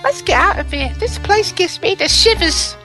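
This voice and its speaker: A woman's voice: extremely high pitch, expressive, moderate pace. A woman voicing an eager, nervous young boy apprentice in a boyish voice, in an amateur video game dub. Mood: uneasy. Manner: boyish put-on voice. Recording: loud game music behind.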